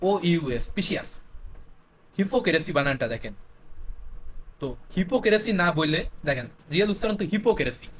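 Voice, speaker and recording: A young man with a high, light voice runs an exam-prep spelling lesson. He spells words out letter by letter and keeps asking questions to drive each point home. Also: a bit bright, slight background noise. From Bangladesh. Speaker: teacher.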